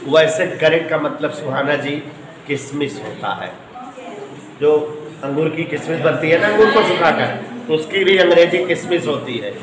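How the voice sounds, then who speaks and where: Animated man teaching in echoey room. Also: fairly high pitch, normal speed, noisy background. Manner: asks students questions, spells out words. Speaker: physics teacher. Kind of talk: classroom lecture.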